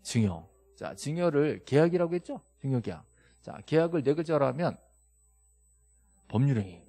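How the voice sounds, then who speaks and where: A man's voice: mid-range voice, very animated, normal speed, warm tone. A middle-aged man lecturing a classroom on property law, scolding and joking with his students and firing rhetorical questions at them. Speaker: real estate law instructor.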